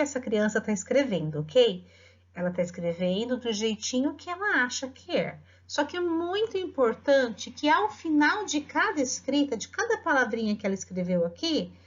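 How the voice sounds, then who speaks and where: A middle-aged woman teacher with a Brazilian Portuguese accent, patiently explaining to parents and dictating words slowly. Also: fairly high pitch. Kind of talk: instructional talk to parents. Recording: dull lo-fi audio.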